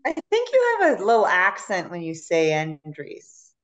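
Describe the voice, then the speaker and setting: A woman's voice: on the low side, huge pitch swings, measured pace, muffled recording. A woman on a casual podcast, ribbing a co-host in a friendly way. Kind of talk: casual chat.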